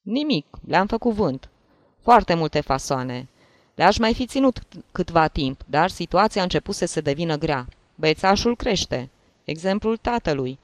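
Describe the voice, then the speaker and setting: A coarse, blustering rich man from a classic story, as a reader voices him. He speaks gruffly and brusquely. The sound is close and dry. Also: mid-range voice, sing-song, no room sound, close to an everyday voice. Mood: offhand. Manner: gruff and brusque, shouting at a child. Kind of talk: audiobook reading of a classic story.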